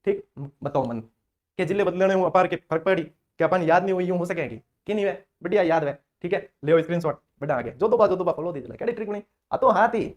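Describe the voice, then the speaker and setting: A man's voice: high voice, fast. A man from Rajasthan, teaching an exam-prep lesson in a chatty, playful way, chanting memory tricks and acting out little scenes.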